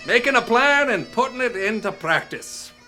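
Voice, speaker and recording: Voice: mid-range voice, expressive, moderate pace, pushed and bright, soft background music. A performer voicing a boastful but nervous male Scottish rapper who stammers, in a comedy sketch. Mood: brushing off. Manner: stammering, flustered.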